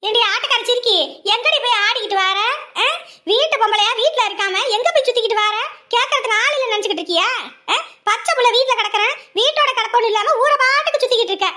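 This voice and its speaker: A woman acts out a scolding village mother-in-law, her voice shrill and very high. She fires off taunts in quick, bright, piercing bursts. The skit plays this sharp-tongued elder for comedy. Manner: nagging, taunting, rapid scolding.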